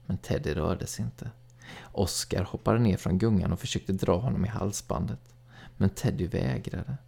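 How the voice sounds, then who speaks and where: A man narrating a first-person story in a calm, even storytelling read. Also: low-pitched, creaky, husky. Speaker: audiobook narrator.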